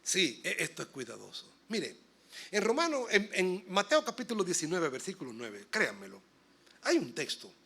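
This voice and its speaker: A man, a pastor, preaching a sermon to his congregation. He swings from soft asides to loud, emphatic bursts and puts questions straight to the listeners. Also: high voice, huge pitch swings, normal speed, creaky, husky. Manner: addresses the congregation directly with questions. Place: church sanctuary.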